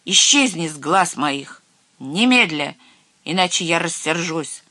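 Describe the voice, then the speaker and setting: A storyteller voicing a stern chief of the witches who scolds loudly and gives orders. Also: mid-range voice, lively intonation, unhurried, dry recording. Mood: angry. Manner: loud, commanding, scolding.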